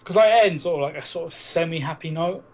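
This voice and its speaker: A podcast co-host speaks quickly in a rather high, darkish voice, chatting bluntly and casually about movies with plenty of swearing. The amateur recording is noisy.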